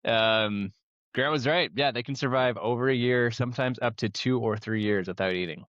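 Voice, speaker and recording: A man's voice: mid-range voice, moderate pace, a bit bright, clean tone, no echo, lo-fi sound. A young man hosting a casual podcast chat, running a trivia quiz and laughing often. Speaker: podcast host.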